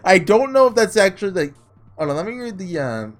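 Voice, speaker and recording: A man with a high-pitched, very animated voice speaks fairly quickly as a gaming host doing let's-play commentary. He reads a visual novel aloud with drama and reacts by tossing in offhand, sarcastic asides.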